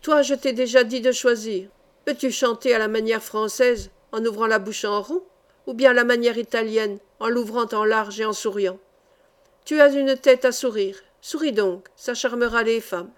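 A woman's voice: fairly high pitch, steady tone, normal speed, lightly acted. A woman reading an audiobook voices a bad-tempered, fat, middle-aged male singing teacher who barks and scolds. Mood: mocking. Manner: loud, barking, scolding.

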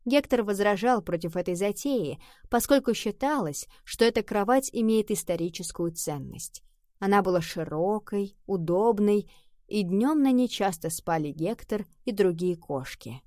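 A woman narrates an audiobook in a steady, even storytelling style. Her voice is mid-range and her pace moderate, with clean studio sound and no room echo.

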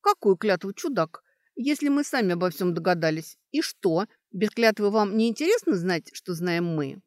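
Lightly acting, a woman narrating an audiobook brings to life a sharp young student who reasons aloud in a brisk, mocking tone. Her mid-range voice is very animated, and there's no echo.

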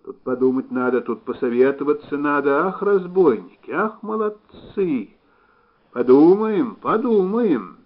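A male narrator puts on an older Soviet official of real weight, slow and folksy in his speech. He lays out each phrase deliberately, in a middling voice. The audiobook recording sounds a little dull. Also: medium pitch, sing-song, voice pushed up. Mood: eager.

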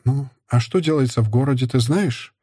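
A man reading an audiobook and voicing a worried middle-aged wife, lifting his husky voice for her gentle, coaxing lines. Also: normal speed, no room sound, clean studio sound, close to an everyday voice. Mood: stern. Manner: gently coaxing, raised pitch. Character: anxious, tender middle-aged wife and mother. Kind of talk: audiobook character voice.

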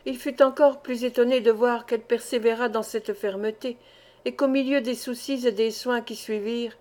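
Woman audiobook narrator, slightly high voice, measured literary reading. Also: steady tone, warm tone. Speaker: audiobook reader. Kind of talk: audiobook narration of a classic novel.

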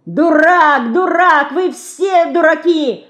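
A woman reader voicing a fiery, quick-tempered little girl who shouts in shrill, indignant outbursts. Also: expressive.

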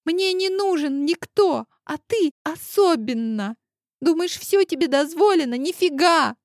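A man reading an audiobook voices a feisty, defiant freckled young woman who squeaks her retorts. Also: expressive, unhurried, dry recording, studio quality, exaggerated voice. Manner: squeaky, snapping back.

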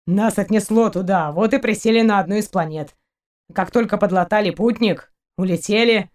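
A woman voicing a gruff male captain. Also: medium pitch, moderate pace, a little mellow, lightly acted. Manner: grumbling, curt. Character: gruff male alien ship captain, brash.

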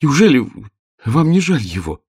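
Man voicing Olia, a high indignant young girl. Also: sing-song, normal speed, darkish tone, slightly rough, dry recording, clean studio sound. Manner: high-pitched, pleading, indignant. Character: brave stubborn little girl Olia.

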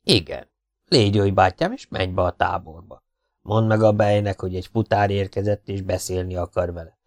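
A fat, rude scorpion charmer who scolds and brags in an unhurried, low voice, as a male audiobook reader puts him on. He sounds sly and self-satisfied. The recording is close and dry. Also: no room sound. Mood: bossy. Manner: blunt, scolding, slow and cocky. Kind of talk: audiobook character voice.

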